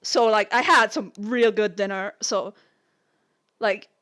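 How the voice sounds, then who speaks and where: A woman's voice: mid-range voice, steady tone, slow pace, fairly bright tone. A woman streamer chatting casually and reading aloud, laughing often and mocking herself.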